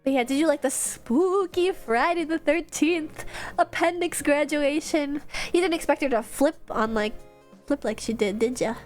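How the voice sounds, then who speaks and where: A woman's voice: high voice, moderate pace, faint music behind. A young woman streamer with a stuffed-up nose, chatting and giggling as she reads fan messages. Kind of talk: casual live-stream chat.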